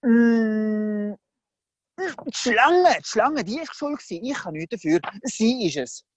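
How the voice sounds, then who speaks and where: Preacher voicing a flustered first woman, whiny, high-pitched, blame-shifting. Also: expressive, takes it slowly, no room sound. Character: panicky first woman blaming the serpent.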